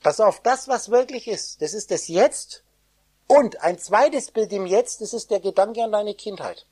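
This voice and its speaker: A woman giving an esoteric sermon, preaching in the first person as God, her loudness swinging between soft and loud. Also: medium pitch, animated, a little slow. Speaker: spiritual teacher.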